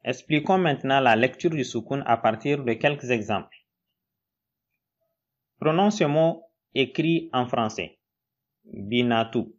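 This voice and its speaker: A man teaching in a recorded lesson, slow and patient, spelling out syllables one by one. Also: medium pitch, lively intonation, lo-fi sound. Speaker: Quran reading teacher.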